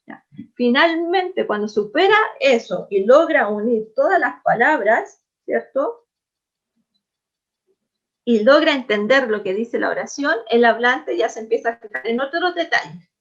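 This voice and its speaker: A woman's voice: on the high side, lively intonation, measured pace, lo-fi sound. A woman with a Chilean accent teaching a class, explaining in a conversational way and often checking that students follow. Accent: Chilean Spanish. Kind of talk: classroom lecture.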